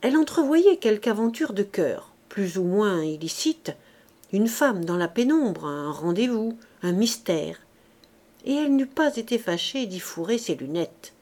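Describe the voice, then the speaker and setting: A woman reading a classic novel aloud as an audiobook, in a measured, expressive style. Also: medium pitch. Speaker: audiobook reader. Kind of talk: literary audiobook narration.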